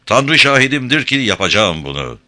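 A man's voice: medium pitch, sing-song, normal speed, voice pushed up. A man doing a raging tyrant father at sea. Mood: enraged. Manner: shouting threats. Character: furious tyrannical father, ship captain.

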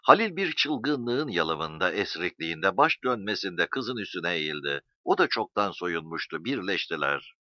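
Expressive male story narrator. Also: sits low, normal speed, no echo. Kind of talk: audiobook narration. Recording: dull dry recording.

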